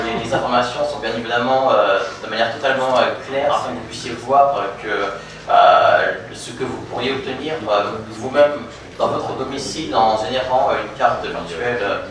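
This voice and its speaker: A young man presents a product demo to a seated audience, stumbling over fillers and restarting his sentences. His voice sits at an average pitch and comes from a distance in a very echoey room. A faint room hum stays underneath. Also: fairly bright tone. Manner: halting, many fillers and restarts. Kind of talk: live product demo at a meetup. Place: conference room with audience, projector screen.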